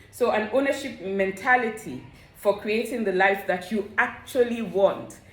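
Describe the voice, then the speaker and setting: A woman giving a motivational talk to her viewers, earnest and coaching, often checking that they follow her. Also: fairly high pitch. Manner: earnest, coaching, asks "do you understand?". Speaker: vlogger. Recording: roomy echo.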